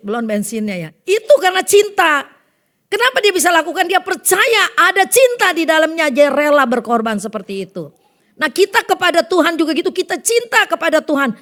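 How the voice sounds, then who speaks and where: Lively woman preaching. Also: fairly high pitch. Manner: lively, conversational, calls on listeners by name. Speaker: preacher at a fellowship service. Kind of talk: sermon.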